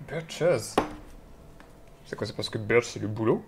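A man's voice: medium pitch, a little mellow, slight background noise. A man hosting a let's play, reading game dialogue and making offhand, muttered asides as he goes. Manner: offhand, mumbling asides to himself. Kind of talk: casual game commentary, reading dialogue aloud.

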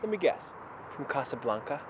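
An actor playing a naive, hesitant young man looking for street credibility, in a low-budget student film shot outdoors. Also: big pitch swings, normal speed, background noise, natural voice. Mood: uneasy. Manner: nervous, hesitant, earnest.

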